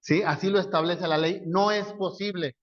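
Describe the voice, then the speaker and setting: Mexican male pastor, higher voice, dull lo-fi recording; conversational sermon delivery, rhetorical questions. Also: steady tone, normal speed, dry recording. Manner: conversational storytelling, asks and answers his own questions.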